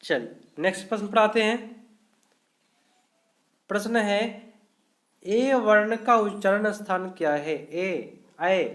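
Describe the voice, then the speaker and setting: A man teaching a live online grammar class, going through each question slowly and explaining every answer step by step. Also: high-pitched, fairly bright tone. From India.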